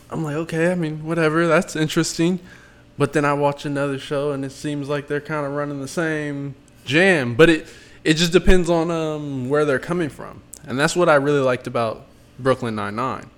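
A man chatting casually about TV shows, animated and slangy, with lots of fillers. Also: a little high, normal speed. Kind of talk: casual chat.

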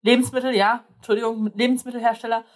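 A woman's voice: on the high side, level tone, quick pace. A young woman chatting casually, hesitating often with fillers and restarts. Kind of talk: casual chat.

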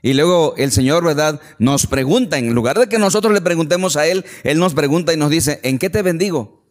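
A man's voice: a little high, brisk. A man preaching a sermon and putting emphatic rhetorical questions to the congregation in a church hall. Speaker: pastor. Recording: long hall reverb.

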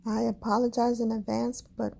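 A woman with a Caribbean accent hosting a spiritual podcast, talking slowly and gently with self-deprecating asides. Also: fairly high pitch, flat delivery, gravelly, slightly rough. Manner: slow, gentle and self-deprecating, with soft laughs. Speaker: podcast host, astrology and crystal reader. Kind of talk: casual spiritual podcast monologue.

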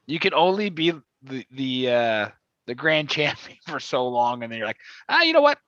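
A man co-hosting a podcast in casual chat, animated, laughing often and swearing casually. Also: medium pitch, normal speed, no room sound, lo-fi sound. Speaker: podcast co-host. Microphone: video call.

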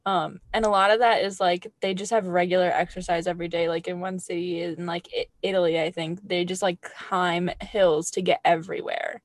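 A woman's voice: on the low side, little pitch movement, brisk, hardly any pauses, no echo. A young woman in her twenties chatting casually with a friend on a podcast, rambling and self-deprecating. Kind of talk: casual chat.

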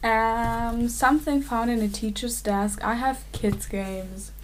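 A woman from Los Angeles co-hosting a podcast, cheery and quick to laugh during a word game. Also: a little high, fairly even intonation, slight background noise. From Los Angeles, California. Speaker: podcast co-host. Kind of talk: casual game chat.

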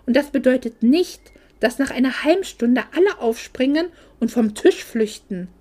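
A wounded, indignant young daughter who talks in emotional outbursts, as a woman reads her part. Her voice sits fairly high and carries in a storybook reading. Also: animated, normal speed, warm tone. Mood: hurt, angry. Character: hurt, angry young woman home for Christmas.

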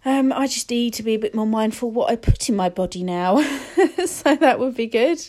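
A woman's voice: on the high side, normal speed, darkish tone. A woman, chatting casually and rambling with many fillers while sniffly from a cold. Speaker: podcast host. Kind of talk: casual solo chat.

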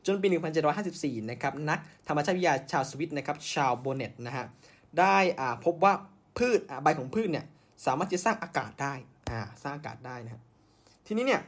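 A man's voice: a little high, a bit bright. A man hosting a podcast, telling science history in a casual way, with many fillers and self-corrections. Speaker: podcast host.

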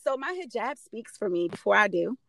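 A woman's voice: mid-range voice, expressive, brisk, creaky, a bit bright, no echo. A woman guest on a podcast interview, speaking confidently and emphatically about her work. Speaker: guest, real estate investor. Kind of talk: casual conversational interview.

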